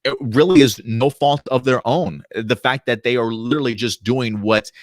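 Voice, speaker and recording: A man's voice: medium pitch, normal speed, no room sound, studio quality. A man in his late thirties co-hosting a casual livestream chat, talking through viewer comments with lots of fillers and restarts. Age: 30s. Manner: chatty, reads out viewer comments. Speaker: podcast co-host.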